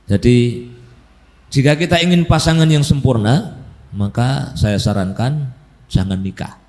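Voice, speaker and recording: A man's voice: medium pitch, measured pace, darkish tone. A man giving a casual sermon, chatty and jokey, acting out little household scenes and ending each point with a filler tag. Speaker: Islamic preacher.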